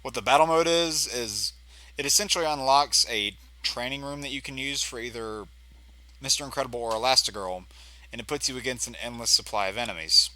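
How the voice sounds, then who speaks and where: A man plays a video game live, reacting casually and often exclaiming as he comments, with the game's music and sounds behind him. His mid-range voice is brisk and sharp-toned, and the audio quality is poor.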